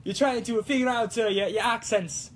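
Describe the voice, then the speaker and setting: With a very high voice at a normal pace, this man chats loosely on a livestream as he works on a craft. His fake Italian accent wavers, and his playful, theatrical delivery is full of mock-Italian outbursts, over a faint hiss or hum.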